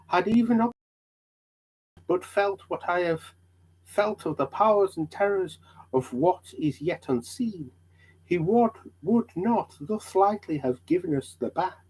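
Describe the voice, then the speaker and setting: A man's voice: sits high, lively intonation, unhurried, a little mellow, breathy edge, voice pushed up, heavily acted, low-quality recording. A man voicing an earnest, devout, burdened pilgrim in a hammy, theatrical dramatic reading of an old allegory.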